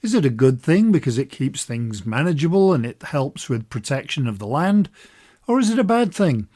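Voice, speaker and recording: A man's voice: a little high, sing-song, moderate pace, mellow. A man hosts a walking podcast. He runs through the week's news in an upbeat, chatty way and drops in dry jokes along the way. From Scotland. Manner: upbeat, conversational, dry humour. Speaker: podcast host. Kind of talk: podcast news roundup and interview.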